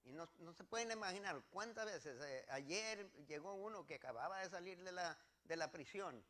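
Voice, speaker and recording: Man, pastor, sermon, earnest scripture reading, fairly high voice. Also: expressive, moderate pace, pushed and bright. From Mexico. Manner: preaches earnestly, reading and repeating scripture verses.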